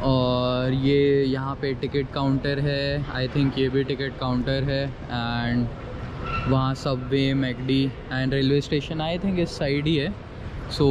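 A young man gives a relaxed walking tour, talking slowly and easily as he points out shops and counters. His voice sits at an ordinary middle pitch. Clear station bustle and ambience carry on behind him on the handheld camera mic. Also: noisy background. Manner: unhurried, chatty, pointing things out as he walks. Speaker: travel vlogger. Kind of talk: casual walking-tour narration, mixing Hindi and English. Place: large indoor train station hall. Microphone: handheld action camera.

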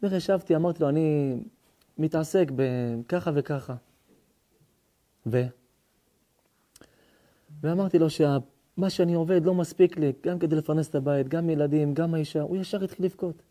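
A man, a rabbi, telling a story in a sermon, acting out the dialogue with sudden high, excited voices and shouts. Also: long pauses.

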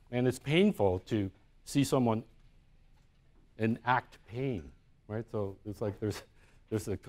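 On the low side and a little mellow, this man's voice carries a live university lecture about his own art. He talks conversationally, thinking aloud with many restarts and frequent "right?" check-ins.

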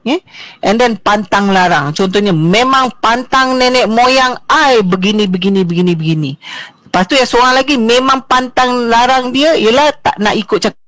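A woman in her forties from Johor with a Malaysian accent, giving an online seminar talk in a lively way with English asides and rhetorical questions. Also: on the high side, moderate pace, no echo. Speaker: seminar speaker.

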